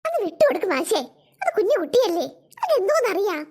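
A woman's voice: extremely high pitch, sing-song, fast, darkish tone. A woman voicing a kind, worried woman in a cartoon, murmuring anxiously and soothing the children. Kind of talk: cartoon voice acting.

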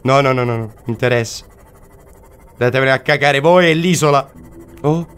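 A man's voice: mid-range voice, moderate pace, a bit bright, smooth, faint music behind. A man commentating his own video game play, exclaiming and repeating short phrases over and over. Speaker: gaming commentator.

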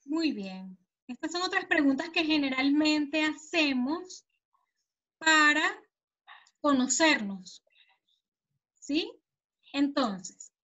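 Woman, language teacher, video call, patient questions, slow pace, muffled lo-fi audio. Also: high voice, fairly bright tone. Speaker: Spanish teacher. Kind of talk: online language lesson.

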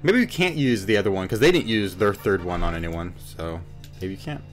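A man with a deep, brisk voice hosts a let's play, delivering joking, sarcastic gameplay commentary through a headset. He's in a small indoor room with game music playing in the background.

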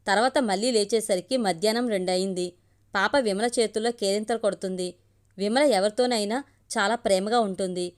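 A woman reads a family story aloud at a middle pitch. Her narration is steady and measured, paced like a storybook reading.

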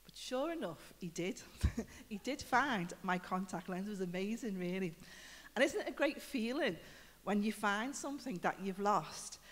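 A woman's voice: medium pitch, lively intonation, normal speed. A woman preaching a conversational sermon, telling stories and putting questions to the congregation. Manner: chatty storytelling with questions to the congregation. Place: church building. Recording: reverberant church hall.

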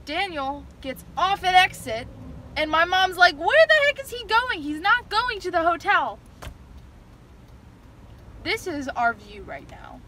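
A young woman vlogs from inside a car, holding her phone at arm's length, with car noise behind her. Her very high-pitched voice is very animated and sharp-toned, but she speaks unhurriedly with long pauses, chatting casually with many fillers and sounding exasperated.

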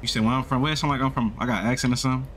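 A man's voice: mid-range voice, fairly even intonation, racing, fairly bright tone, slight background noise. A man with a Baltimore accent in laid-back, slangy street talk, playing a flirty character in an online roleplay game over a headset mic.

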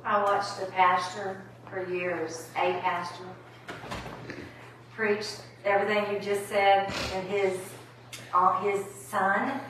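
Woman sharing in a home group, slow and earnest, far from the mic, lots of echo. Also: medium pitch, flat delivery, fairly bright tone. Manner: slow, earnest, recalling a memory. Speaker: study group member. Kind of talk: casual group discussion. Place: home living room. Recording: echoey room from far off, faint noise.

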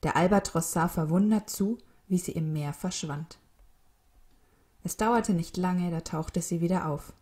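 Woman storyteller, calm even reading, low voice, mellow tone. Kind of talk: scripted storybook narration.

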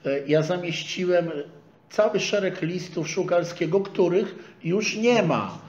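Older prof talking, kinda high voice, echoey room, muffled far camera sound. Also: male voice, animated. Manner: measured, scholarly, digressive. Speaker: lecturer. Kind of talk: academic lecture. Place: small lecture room with a projector screen. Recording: echoey room, dull sound, faint hiss.

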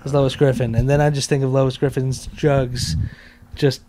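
A man's voice: mid-range voice, little pitch movement, normal speed, background noise. A man co-hosting a podcast, cracking jokes and laughing often. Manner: laughing, wisecracking. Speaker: podcast co-host. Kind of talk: casual chat.

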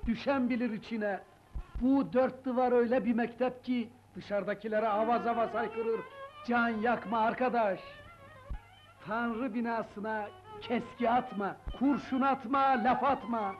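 An actor playing a philosophizing prison inmate who speaks in proverbs and warnings. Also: male voice, very high-pitched, fairly even intonation, a little slow. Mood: preachy. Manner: preachy, proverbial. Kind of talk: 1950s film drama acting. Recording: dull old film soundtrack with music.

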